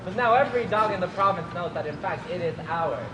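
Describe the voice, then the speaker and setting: A man's voice: high-pitched, lively intonation, brisk. A young man playing a blustering old landowner. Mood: patronizing. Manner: blustering, patronizing, bursts into yelling. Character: blustering older male landowner father. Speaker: student actor. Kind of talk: live outdoor play reading. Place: outdoor courtyard. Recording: echoey outdoor sound with crowd noise.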